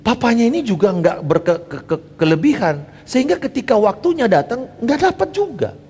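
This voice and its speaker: A middle-aged man preaching a sermon as pastor, emphatic, swinging from loud declarations to soft asides and slipping English phrases into his talk. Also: extremely high pitch, very animated, normal speed, husky, long reverb tail.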